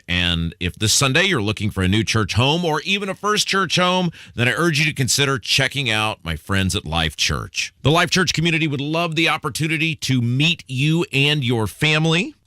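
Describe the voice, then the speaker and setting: A man co-hosting on radio with an emphatic, deliberate way of talking. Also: medium pitch, bright, forceful tone, dry recording, studio quality. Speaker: radio co-host. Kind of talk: radio talk and host-read ads.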